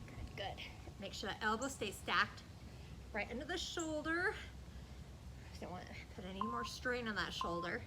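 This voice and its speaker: Higher-pitched woman, aerobics instructor coaching outdoors. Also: big pitch swings, normal speed, long pauses. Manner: encouraging, exerting while exercising. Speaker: fitness instructor. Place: outdoors in a backyard garden. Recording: noisy outdoor recording with ambient sound.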